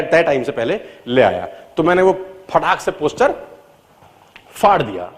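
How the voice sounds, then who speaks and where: High-voiced man telling a motivational story. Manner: animated, sweeps between loud emphatic peaks and low quiet asides; mixes English phrases into his talk. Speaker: motivational speaker.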